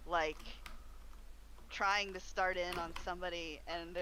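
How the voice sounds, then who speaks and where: A friend keeping a streamer company, chatting in a relaxed, rambling way with lots of "like". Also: mid-range voice, slow pace, slight background noise, rough recording. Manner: relaxed, rambling, many likes. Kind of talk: casual chat.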